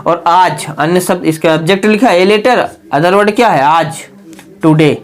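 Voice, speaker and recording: A man's voice: sits high, normal speed. A man teaching a spoken grammar lesson. He repeats his points and keeps putting rhetorical questions to his friends. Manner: repetitive, asks the class rhetorical questions and keeps calling them friends.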